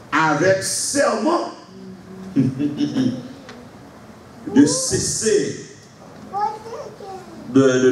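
A pastor preaching a sermon to his congregation, shifting from slow explanation to shouted exclamations and laughter. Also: high voice. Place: large church hall with congregation. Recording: echoey hall, far from mic, congregation noise.

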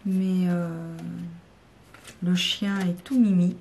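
A woman's voice: lowish voice, level tone, very slow, a little mellow, faint music behind. A woman with a French accent talking casually and unscripted to her viewers, rambling with many fillers and sometimes dropping to a near-whisper. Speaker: YouTuber showing card decks. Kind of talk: unscripted casual talk to camera.

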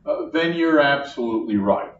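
An older math lecturer with an animated, mid-range voice explains at the whiteboard step by step, slowly and patiently repeating himself. Recorded across an echoey classroom with slight background noise, he sounds distant and dull.

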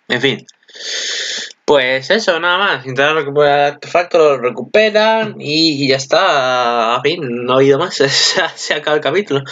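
A man with a Peninsular Spanish accent giving casual, excitable video commentary and swearing freely. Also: medium pitch, muffled recording. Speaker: anime commentator.

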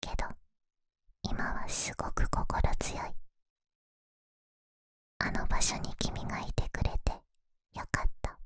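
A woman's voice: slow, pauses often. Woman as a shy whispering animal-eared girl, pillow-talk role-play. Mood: affectionate, sleepy. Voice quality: breathy whisper. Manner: soft, intimate, hesitant pillow talk. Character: shy, once wary young animal-eared girl, now affectionate. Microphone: close, dry microphone.

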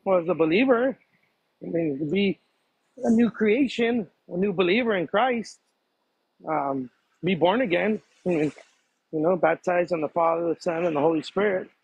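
A man's voice: sits high, normal speed, darkish tone, husky, rough recording. A man talking casually in an interview, hesitant and repeating himself, laughing easily as he answers questions about faith. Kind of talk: casual conversation.

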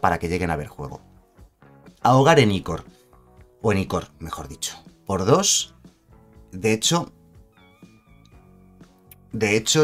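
Fast-talking low-voiced man. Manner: chatty, self-correcting, asks rhetorical "¿vale?". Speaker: card game content creator. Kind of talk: casual card review commentary.

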